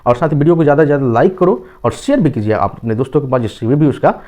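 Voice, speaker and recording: A man's voice: mid-range voice, animated, racing, darkish tone. A man teaching English grammar to Hindi-speaking students in an online lesson, explaining step by step and answering his own questions. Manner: fills with "thik hai na" tags.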